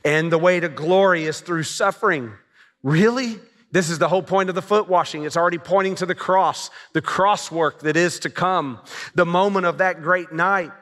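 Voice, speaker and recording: A man in his fifties preaching a sermon on a large church stage, telling stories with lively gestures. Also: sits high. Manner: animated storytelling preacher, gestures a lot. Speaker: pastor. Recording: long reverb of a large hall.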